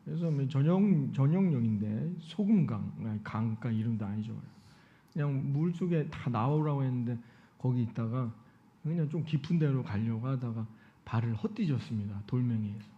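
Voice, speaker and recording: A man's voice: medium pitch, animated, moderate pace. A male pastor preaching a Sunday sermon in a church, often putting rhetorical questions to the congregation. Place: church sanctuary. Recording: dull lo-fi sound.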